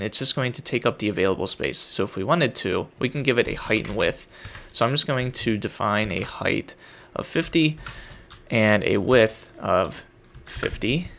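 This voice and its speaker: A man's voice: lowish voice, vocal fry, sharp tone, a little hiss or hum. A man casually talking through a coding tutorial, thinking aloud as he types and builds an app. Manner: casual, thinking aloud while typing code. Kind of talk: screen-recorded coding tutorial.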